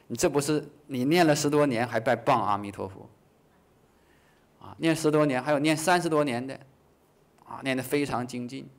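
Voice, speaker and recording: A man teaching a Buddhist class in a lively way, acting out short dialogues, chuckling, and slowing down on key phrases. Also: mid-range voice. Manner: slows down to stress key phrases. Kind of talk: dharma lecture.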